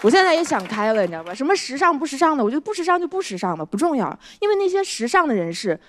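A high-voiced woman with a lively, bouncing delivery performs a stand-up set on a large TV studio stage. She talks to the crowd conversationally, drops her punchlines deadpan, and keeps asking "you know?". Loud audience laughter and hiss sit behind her voice. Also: very fast. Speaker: stand-up comedian.

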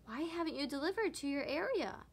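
A woman's voice: high-pitched, animated, brisk, pitched above the performer's own voice. A woman reading aloud voices a stern, commanding male hare who speaks formally. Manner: demanding, formal.

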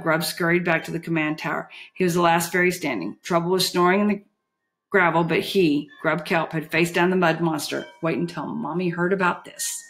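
A woman reading a fantasy novel aloud, steady and measured, her voice sitting a touch low. She moves through the story with even pacing and the odd slip. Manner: steady, measured, occasional slips. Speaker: audiobook narrator. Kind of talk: storybook narration.

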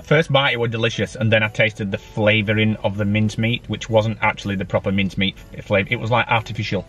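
Man, low voice, quick talker, wry jokes, faint music behind. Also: fairly even intonation, fairly bright tone. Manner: wry, joking asides. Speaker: vlogger, half of a married couple. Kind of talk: casual vlog chat.

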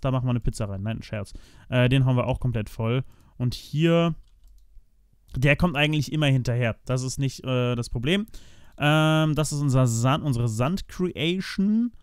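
A young man chats his way through a building session, addressing his viewers as friends and thinking aloud as he places blocks. His voice sits at an ordinary middle pitch. The sound is dry and close, with no room echo. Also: normal speed, smooth. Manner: chatty, talks to viewers as "meine Freunde"; thinks aloud while building, frequent restarts and fillers. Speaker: let's play host. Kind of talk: casual gameplay commentary.

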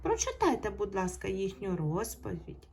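A woman teaching a primary school video lesson, stretching out example words slowly and clearly for children. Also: mid-range voice, wildly swooping pitch, a little mellow, slight background noise. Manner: slow, drawn-out pronunciation of example words.

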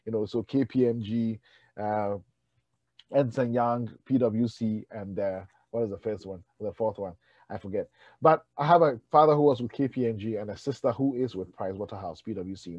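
A man's voice: mid-range voice, darkish tone, dry recording. Conversational man with a dull, dry sound. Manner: conversational, storytelling with asides. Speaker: speaker at a leadership summit. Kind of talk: keynote talk.

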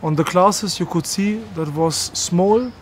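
Energetic bearded man, fairly high voice. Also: unhurried, slight background noise. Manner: energetic, emphatic, animated with hand gestures. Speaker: host. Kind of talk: casual interview and review. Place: open-air boxing gym, then outdoor garden.

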